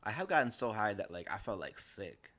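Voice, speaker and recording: Young guy w a lowish voice just chatting on a podcast, rambly, keeps restarting. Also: big pitch swings, fairly quick, a bit bright. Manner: rambling with frequent restarts and laughs. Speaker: podcast co-host. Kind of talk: casual chat.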